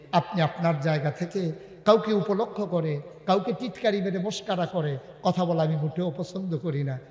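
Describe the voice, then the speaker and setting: A man preaching a sermon, emotional and rising to loud sung-out calls. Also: on the high side. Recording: echoey hall with long reverb.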